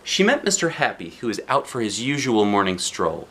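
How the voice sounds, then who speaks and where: A man reading a children's book aloud like a dad, with expressive narration aimed at young listeners. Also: on the low side, moderate pace. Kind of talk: animated children's storybook narration.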